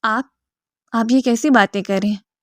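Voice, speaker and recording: A devoted young woman pleads softly in a storybook reading, a woman acting her out. Her voice is slightly high and dry. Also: fairly even intonation, no echo, close to an everyday voice. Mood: pleading. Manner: pleading, soft. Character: young woman, twenty-one, devoted and tearful.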